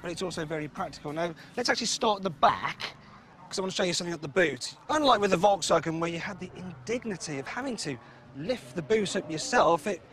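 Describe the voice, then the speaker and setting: Male TV motoring presenter. Birmingham accent, high-pitched, explaining to a buyer over music. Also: animated, quick pace, fairly bright tone. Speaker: car show presenter.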